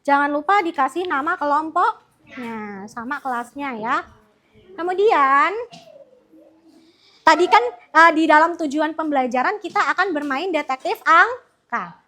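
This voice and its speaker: Young woman student teacher, really high voice, slow and cheery, hyping up kids in class. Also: expressive, bright, forceful tone. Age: young adult. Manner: upbeat, coaxing, calls pupils forward. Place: primary school classroom.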